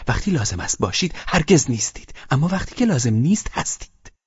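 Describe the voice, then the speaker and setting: Male narrator voicing an angry wife, raised pitch, scolding; dry, dull-sounding recording. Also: sing-song, breathy edge, no room sound. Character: angry indignant young wife.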